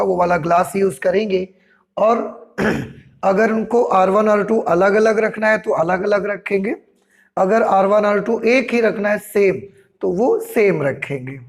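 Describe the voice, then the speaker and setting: A man teaching a physics class, explaining slowly and repeating key points step by step. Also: high voice. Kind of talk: classroom lecture.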